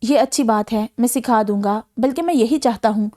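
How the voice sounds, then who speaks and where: A man's voice: very high voice, warm tone. A woman reading as a protective, hot-tempered young husband. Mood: tender. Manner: fierce then tender.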